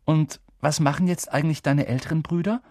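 A man voicing a quiet, curious eleven-year-old boy in an audiobook, speaking hesitantly. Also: on the high side, fairly quick, no room sound, clean studio sound, voice pushed up, close to an everyday voice. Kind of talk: audiobook character voice.

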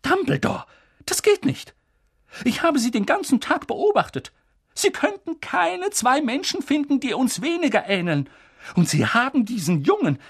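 A reader voicing a stern older female witch professor, high-pitched and urgent, with a husky edge. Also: big pitch swings, moderate pace, dry recording, clean studio sound, heavily acted. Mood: indignant. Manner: urgent, pressing, high and insistent.

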